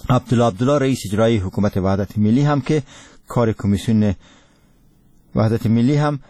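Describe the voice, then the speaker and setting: A man's voice: mid-range voice, warm tone, no room sound. A man with an Afghan Dari accent reads scripted radio news as a presenter, in a solemn, formal newsreader manner.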